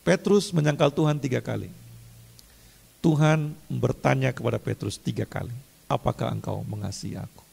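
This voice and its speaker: Gravelly preacher in a reverberant hall. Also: male voice, mid-range voice, normal speed. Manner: casual preaching, mixes in English phrases, rises to loud emphatic runs. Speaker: pastor. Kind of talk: sermon.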